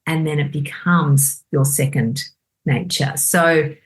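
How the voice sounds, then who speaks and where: A woman, a doctor on a podcast, explaining in a lively chatty way and acting out inner voices. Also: sits low, takes it slowly. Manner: animated, acts out inner voices. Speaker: doctor guest. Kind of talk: casual podcast conversation.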